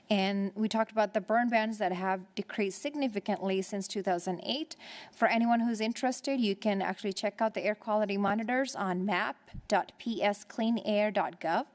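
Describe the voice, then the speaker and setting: Woman council president, out of breath, halting report full of fillers. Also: mid-range voice. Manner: halting, many fillers and restarts.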